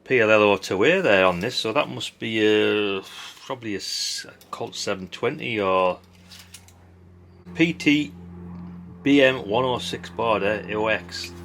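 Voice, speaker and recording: There's slight background noise as a low-pitched, slightly bright middle-aged man talks at a measured pace. He's a hobbyist video host sorting old parts and chatting casually without a script, rambling and blunt, with mild swearing and tag questions.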